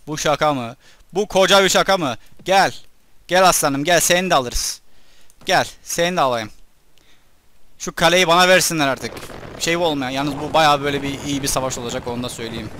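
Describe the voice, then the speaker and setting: A young man excitedly commentates live on his own gameplay, yelling at his troops and enemies and muttering when things go wrong. His voice is medium in pitch and his pace is moderate, with long pauses.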